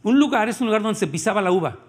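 A Mexican preacher with a high voice delivers a sermon. He talks with the congregation in a casual, animated way rather than reciting. He mixes in plain everyday speech. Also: rapid-fire. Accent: Mexican Spanish. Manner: lively, conversational, addresses the congregation.

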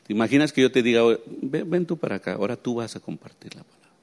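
A man preaching a sermon, swinging between quiet low asides and high excited emphasis and often asking his listeners questions. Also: quick pace. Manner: asks the congregation rhetorical questions.

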